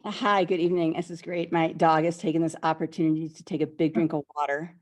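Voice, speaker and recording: A woman's voice: low-pitched, little pitch movement, fast talker. A woman homeowner on a video call, chatty and a bit rambling as she gives a public comment.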